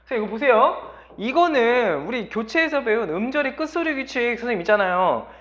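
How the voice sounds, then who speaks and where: An insistent, cheeky student keeps calling out to his teacher, as a male teacher puts him on mid-lesson. The voice stays high and lively, and the recording sounds slightly dull. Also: fairly quick, heavily acted. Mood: pleading.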